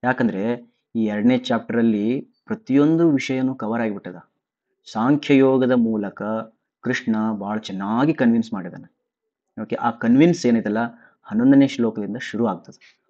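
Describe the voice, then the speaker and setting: A man who teaches scripture, chanting each verse slowly and then explaining it in casual dialect. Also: medium pitch, warm tone. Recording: slightly dull lo-fi audio.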